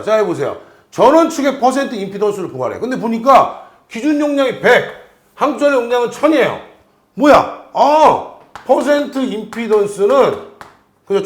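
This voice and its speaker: A man's voice: sits high, roomy sound. A man teaching an exam-prep lecture, working through problems and constantly asking his students questions.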